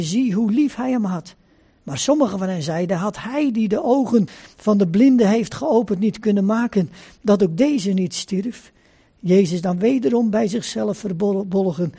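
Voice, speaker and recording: A man preaching a sermon after a scripture reading. He talks slowly and deliberately, repeats phrases for emphasis and drops in short "hè" asides. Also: high voice, warm tone, slightly rough.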